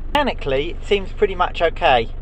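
Middle-aged man, slightly high voice, unhurried dry vlog commentary on a handheld cam over a soft idling engine. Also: animated, a little hiss or hum. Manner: dry, understated remarks. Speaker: vlogger. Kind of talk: casual running commentary. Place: inside a car and outdoors by it. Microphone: handheld action camera. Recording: faint engine idle behind.

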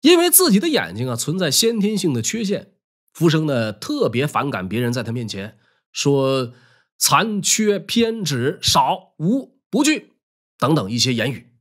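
A man's voice: a little high, big pitch swings, a little slow, slightly rough. A man telling history in a wry, colloquial storytelling style.

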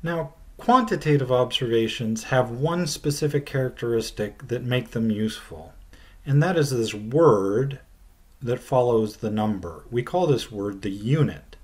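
This recorded video lecture shows a middle-aged teacher giving a science lesson from his desk via webcam in a small, plain room. Speaking slowly in a medium-pitched, animated voice, he sets out every idea with care and lets his phrases drop off at their ends.

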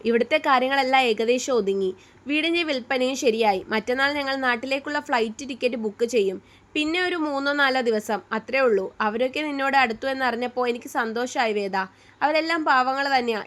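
A woman's voice: sits high, a bit bright. A woman voicing a playful, affectionate young man who teases and reassures in a read-aloud story. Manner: playful and tender.

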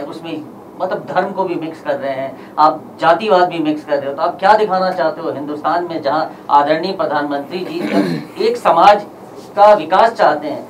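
A speaker at a press conference, firing rhetorical, accusing questions at filmmakers. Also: mid-range voice. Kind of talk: impassioned press statement. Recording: distant mic with faint background noise.

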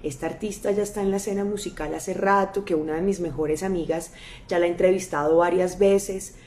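A woman's voice: on the low side, steady tone, brisk, dark tone, roomy sound, a little hiss or hum. A woman hosting a live interview, introducing her guest with enthusiasm. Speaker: host.

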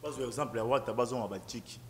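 A man on a studio talk show, rattling off his points at great speed and repeating phrases, mixing French with Lingala. His voice sits at an ordinary pitch. It rings with the long reverb of a studio hall. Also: a little hiss or hum. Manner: rapid, animated, repetitive, mixes French with Lingala. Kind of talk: excited talk-show chat.

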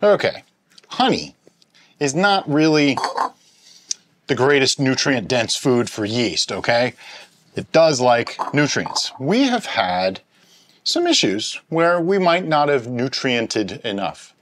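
A middle-aged man hosts a homebrewing show from a home studio lined with shelves of bottles, casually walking through each step as he works at a table. His mid-range voice moves slowly but animatedly as he handles his gear. A little hiss or hum sits in the background.

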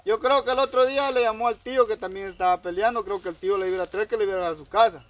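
Speaking very fast in a high-pitched voice, this man recounts a personal dispute as a long, rambling story. He voices both people in the exchange, quoting dialogue heavily, and the recording is rough.

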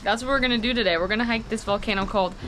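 A woman's voice: medium pitch, rapid-fire, fairly bright tone, a little hiss or hum. A young woman chatting upbeat to a handheld action camera on an outdoor mountain trail. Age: young adult. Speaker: vlogger. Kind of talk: casual travel vlog chat.

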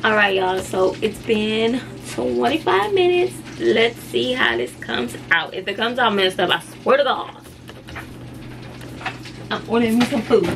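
A woman's voice: a little high, big pitch swings, unhurried. Chatty young woman cooking in a noisy kitchen. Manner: loose, chatty, swears, talks straight to viewers. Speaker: vlogger. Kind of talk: casual cook-along vlog. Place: small home kitchen, indoors. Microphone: handheld camera, moved around. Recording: noisy home recording.

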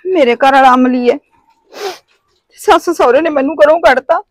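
A woman's voice: sits high, fairly quick, dry recording. An actress with a Punjabi accent playing a tearful young wife thrown out of her home, begging for work and shelter. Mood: pleading. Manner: pleading, sobbing. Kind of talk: village family drama acting.

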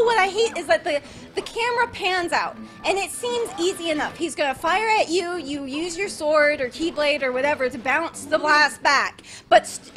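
A young woman live-streaming a video game, chatting on and on with growing exasperation, her voice worn from screaming. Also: very high voice. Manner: chatty, rambling and exasperated, bursting into shouting. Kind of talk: live gameplay commentary. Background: game music.

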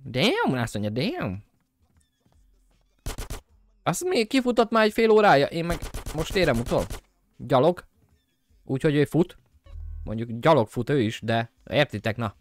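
Excitable man yelling through gameplay. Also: fairly high pitch, faint music behind. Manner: excitable, yelps and shouts at the game, swears; jokey self-talk to viewers. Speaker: gameplay commentator. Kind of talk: casual let's-play commentary.

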